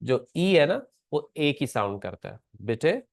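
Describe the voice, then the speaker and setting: A man's voice: medium pitch, very animated, a little slow, creaky, no echo, studio quality. A man teaching a classroom pronunciation lesson, patiently explaining and repeating words aloud. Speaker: language teacher.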